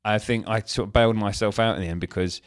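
A man co-hosting a casual chat podcast, telling animated stories and acting out exchanges with his toddler. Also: on the low side, fast talker. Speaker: podcast co-host.

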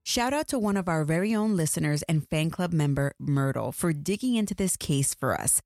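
A low-pitched woman works as a true crime narrator over a music bed. She reads scripted narration but keeps it informal and folksy, speaking straight to her audience as a podcast host. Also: lively intonation, normal speed, darkish tone, dry recording, studio quality.

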